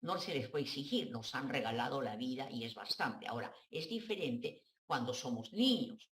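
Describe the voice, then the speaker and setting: A woman's voice: very deep voice, expressive, normal speed, roomy sound. A woman psychoanalyst, giving direct, frank advice to a listener on a talk show.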